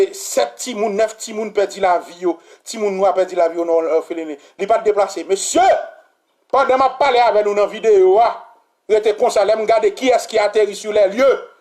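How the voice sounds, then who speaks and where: A Haitian-accented man delivers a heated political rant, circling back over the same phrases again and again. His voice sits unusually high for a man and breaks into shouting when he gets worked up. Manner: heated, repetitive, bursts into shouting. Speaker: political commentator. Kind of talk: impassioned political commentary vlog.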